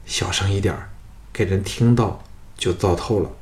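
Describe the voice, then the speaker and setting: A man reading the lines of a wary young male adventurer in a plain, measured voice. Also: low-pitched, steady tone, darkish tone, close to an everyday voice.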